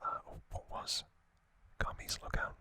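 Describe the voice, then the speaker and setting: An ASMR host whispers breathily throughout a recap, narrating trivia slowly in short, halting phrases. His whisper sounds very bright and sibilant.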